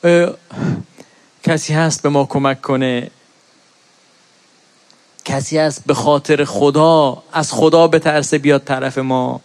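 A middle-aged man preaching a mourning sermon in a high voice. He moves from plain storytelling into an impassioned, lamenting chant of recited verses. The sound is dry and close, with no room around it. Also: fairly even intonation, long pauses, no echo.

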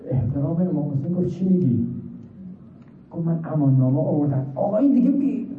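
A man delivers a religious sermon in a high, impassioned voice that swings between hushed and loud. The sound echoes as if he is in a large gathering hall. The audio is thin and phone-like, with faint noise behind it. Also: expressive, distant mic. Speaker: preacher. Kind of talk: religious sermon with mourning narration.

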